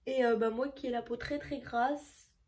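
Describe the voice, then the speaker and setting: A woman's voice: on the high side, steady tone, normal speed, darkish tone. A young woman chatting casually and a little rambly while doing her makeup for a vlog tutorial. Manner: chatty, rambling, self-deprecating. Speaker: beauty vlogger.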